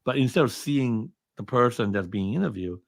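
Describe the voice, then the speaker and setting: A Hong Kong man, a film commentator appearing as an interview guest, tells a story casually in a mid-range, gravelly voice at normal speed. His intonation is lively, he rambles with many fillers and restarts, and there's no room sound.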